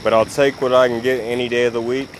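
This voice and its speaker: A man's voice: medium pitch, fast, a little hiss or hum, poor audio. Chatty man filming a night fishing vlog. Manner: relaxed, chatty, talking to viewers while handling a fish. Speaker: fishing vlogger. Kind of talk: casual vlog narration. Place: outdoors at night on a rocky riverbank.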